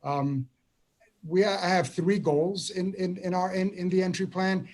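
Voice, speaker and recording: Over a video call, a superintendent in his fifties speaks to a public meeting, restarting and repeating words frequently. His voice sits high with a darkish tone and little pitch movement.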